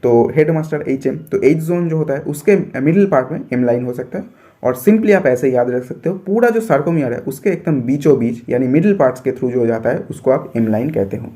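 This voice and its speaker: A man's voice: medium pitch, moderate pace, mellow. A young man from India teaching biology for an entrance exam, explaining step by step and repeating his points.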